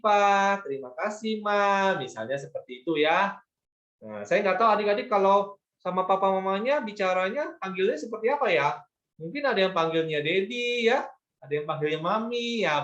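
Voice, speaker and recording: A man's voice: high-pitched, a bit bright, roomy sound, muffled recording. A man teaching an online Sunday school lesson to children, patient and coaxing, often asking them to agree.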